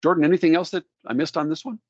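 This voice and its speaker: A man with a Minnesota accent giving a casual software demo, talking through each step in a friendly way. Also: fairly high pitch, fairly even intonation, racing, no room sound, dull audio. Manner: friendly, walks through steps out loud. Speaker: product demo presenter.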